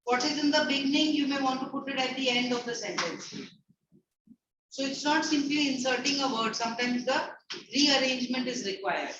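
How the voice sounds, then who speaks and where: A woman's voice: high voice, normal speed. A woman with an Indian accent teaching a school class, giving instructions and asking questions in an echoey, noisy room. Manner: instructive, asks frequent questions. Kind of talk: classroom teaching, addressing pupils. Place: indoor classroom with pupils. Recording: echoey classroom, distant mic, muffled, noisy.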